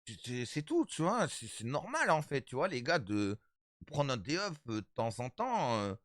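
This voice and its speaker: Animated 35-year-old male streamer. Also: mid-range voice, normal speed, no room sound, clean studio sound. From Italian background. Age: 30s. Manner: animated, repetitive, addresses chat as brothers. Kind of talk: casual stream chat to viewers.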